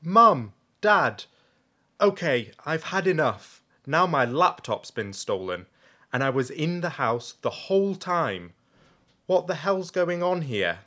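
A man voicing an angry young Englishman who shouts in exasperation. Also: a little high, sing-song, slow pace, voice pushed up, exaggerated voice. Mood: exasperated.

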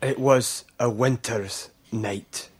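A man voicing an old gardener who tells a ghost story in a grave, slow voice, in a storybook reading. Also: medium pitch, fairly even intonation, slightly rough, pitched above the performer's own voice. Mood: ominous.

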